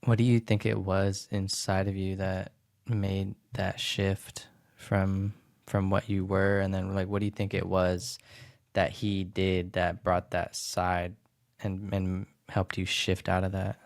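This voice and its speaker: Deep, gravelly, slow-talking man host. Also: monotone. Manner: loose, searching, many fillers. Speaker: podcast host. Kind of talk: casual interview chat.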